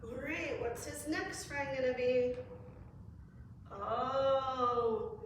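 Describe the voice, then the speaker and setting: A high-pitched woman speaks to toddlers at a children's story time, encouraging them and asking simple questions. Her delivery is slow and simple. The recording is very echoey, picked up from a distance with noise around it. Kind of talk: interactive nursery rhyme and song session for toddlers. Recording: very echoey room, distant mic, noisy.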